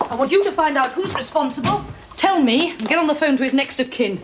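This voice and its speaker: An actress playing a sharp-tongued, sarcastic middle-aged theatre sister with an imperious, barbed wit. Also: female voice, sits high, expressive, fast, heavy background noise. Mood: sardonic.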